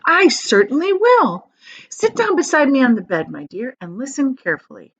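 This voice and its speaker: A woman's voice: sits high, big pitch swings, normal speed, husky, highs cut off, pitched above the performer's own voice, heavily acted. A woman voicing an eager, emphatic ninety-six-year-old grandfather in a children's storybook read aloud. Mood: eager, fond.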